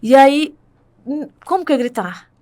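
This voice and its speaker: High-voiced Brazilian woman telling her testimony. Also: expressive, moderate pace, mellow. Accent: Brazilian Portuguese. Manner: earnest storytelling, frequent tag questions. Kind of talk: personal testimony in conversation.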